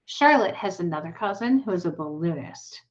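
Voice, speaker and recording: A woman's voice: lowish voice, lively intonation, normal speed, highs cut off, close to an everyday voice. A woman reading the part of an earnest young farm girl in a storybook. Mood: eager.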